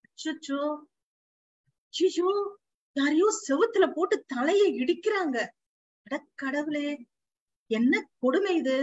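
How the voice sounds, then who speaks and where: A woman's voice: high-pitched, takes it slowly, long pauses, darkish tone, slight background noise. A woman voicing a male household dog who narrates the story anxiously, with frequent fretful cries in household speech. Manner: fretful exclamations, Brahmin Tamil household speech. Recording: slightly dull lo-fi recording.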